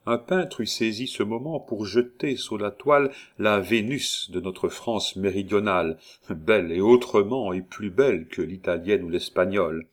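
A man narrating a classic novel as an audiobook in a measured, deliberate reading. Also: fairly low pitch.

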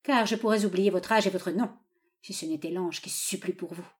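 A woman narrator voices a young exile in a storybook, dignified and proud. His voice sits lower and stays tightly held back. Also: brisk, natural voice. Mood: restrained.

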